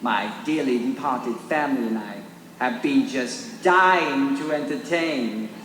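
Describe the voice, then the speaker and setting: A man's voice: mid-range voice, a bit bright, a little hiss or hum. A man voicing a sinister, genteel ghost who hosts a haunted manor, heard as a prerecorded sound effect played through small speakers. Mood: sinister welcome. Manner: slow, theatrical, mock-polite welcome with a trailing cackle. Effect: prerecorded sound effect played back through small speakers. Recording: echoey, reverberant playback heard from a distance.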